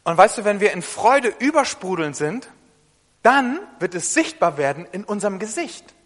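A man preaching a sermon in a chatty way, often turning to listeners with quick questions and moving between soft asides and loud, emphatic bursts. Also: high-pitched, sing-song. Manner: conversational, often asks listeners "weißt du?" and "ne?". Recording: long hall reverb.

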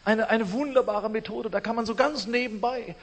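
An eager, salesy man pitching a quick-money scheme, as a preacher quotes him. His high voice echoes through a reverberant hall.

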